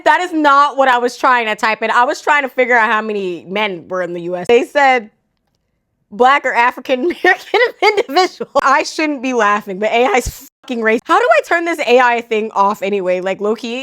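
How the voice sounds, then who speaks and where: A young woman with a slightly high voice gives casual reaction commentary. She is blunt and sarcastic, peppering her talk with slang. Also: fairly bright tone. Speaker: commentary host.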